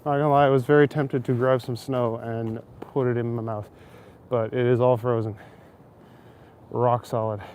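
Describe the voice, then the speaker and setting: This is a man with a mid-range, darkish voice and an Ontario Canadian accent. He's out walking in a city square in winter, chatting casually with his stream, rambling and joking with frequent chuckles.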